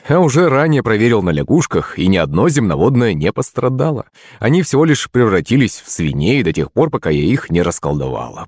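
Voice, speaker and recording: A man narrates a comic fantasy story in the first person with a wry storytelling touch. His pitch moves up and down freely, and the recording is close and dry with no room sound. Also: darkish tone, dry recording. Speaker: audiobook narrator.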